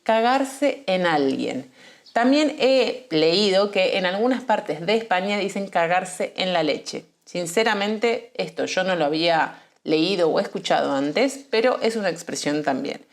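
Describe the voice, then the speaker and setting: A woman with an Argentine accent gives a Spanish lesson. She explains clearly and patiently, and slows down to repeat key words. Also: on the low side, expressive. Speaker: Spanish teacher.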